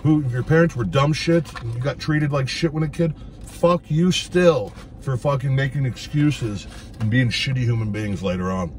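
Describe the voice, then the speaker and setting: A man's voice: mid-range voice, moderate pace, a little mellow, a little hiss or hum. A man talking while eating, blunt and profane, in a casual food vlog from a parked car. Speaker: food vlogger.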